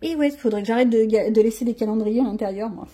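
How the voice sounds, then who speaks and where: Chatty grumbling woman, husky voice. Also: fairly high pitch, fast talker, dark tone. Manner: chatty, grumbling and self-mocking. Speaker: coloring channel host. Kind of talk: casual chat showing her coloring pages.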